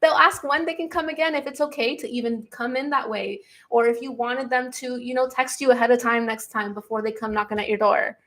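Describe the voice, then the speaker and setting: Giddy, high-voiced woman tarot reader. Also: brisk, hardly any pauses. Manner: giddy and excitable, breaking into laughs; earnest, repeats key lines for emphasis. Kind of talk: collective tarot reading to camera.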